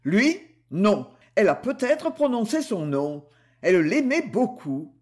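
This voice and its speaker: Guarded husband from a read-aloud novel, voiced by a male narrator, evasive and hesitant. His pitch climbs high in places and moves widely. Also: very animated, measured pace, a little mellow, exaggerated voice.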